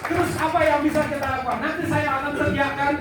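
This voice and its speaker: Heavy background noise surrounds this event emcee, a man whose very high voice moves fast as he energetically leads a lively crowd in call-and-response chants to hype a campaign gathering. The recording comes from an echoey hall, miked from a distance.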